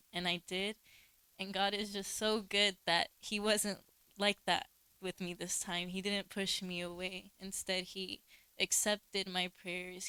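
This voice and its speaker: A woman's voice: on the low side, pushed and bright, smooth, no room sound. A young woman church member sharing a personal testimony sincerely and a little hesitantly. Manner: hesitant, with fillers and restarts, sincere.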